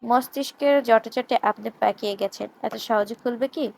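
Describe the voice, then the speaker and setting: A brash young DJ snaps orders and turns sweet and teasing with his wife, read by a woman storyteller. The voice sits a little high with a gravelly edge. It is a storybook reading. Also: normal speed, slight background noise, rough recording. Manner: brash in English bits, soft and teasing on the phone.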